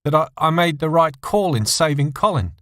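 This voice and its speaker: Narrator playing guilt-ridden man in an audio drama: hesitant, pleading, lifted above his usual pitch. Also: expressive, normal speed, fairly bright tone, no echo. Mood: defensive, pleading. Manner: hesitant, stammering. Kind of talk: acted dialogue in an audio story.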